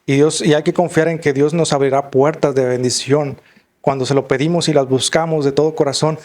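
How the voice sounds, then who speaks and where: A man's voice: on the high side, steady tone, brisk, darkish tone. A man preaching a sermon in an earnest, conversational way. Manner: conversational, earnest, repeats "hermanos" and "¿verdad?".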